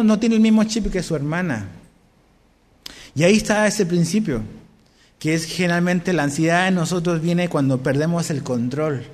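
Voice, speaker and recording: High-voiced pastor in a reverberant hall. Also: male voice, darkish tone. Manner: conversational, asks the congregation questions. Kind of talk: sermon.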